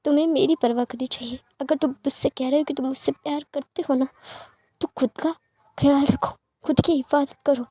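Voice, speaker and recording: A woman voicing an angry young man scolding and shouting at his beloved in a storybook reading. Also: high voice, fairly even intonation, a little fast, no echo, clean studio sound, close to an everyday voice.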